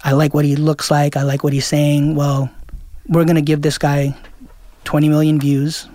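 A man's voice: a little high, completely flat delivery, moderate pace, mellow, no room sound. A man from Queens, a DJ guest talking loosely in an interview, full of fillers and restarts. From Queens, New York. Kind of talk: casual interview chat.

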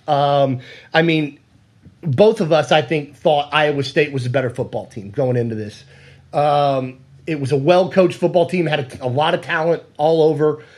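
A man hosting a sports podcast, chatting casually and steering the talk with questions. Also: a little high. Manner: conversational, leads the questions. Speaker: podcast host.

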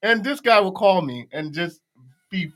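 A man co-hosting a podcast talks in a slangy, joking way. His voice swings up and down with lively movement. The tone is bright. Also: sits high, measured pace. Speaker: podcast co-host. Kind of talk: casual chat.

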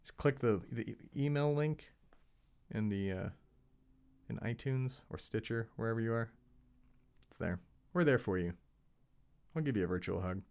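A man's voice: on the low side, animated, moderate pace, creaky, pauses often, a little mellow, clean tone. A man hosting his own podcast, giving a casual, rambling solo update with self-mocking asides. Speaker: podcast host.

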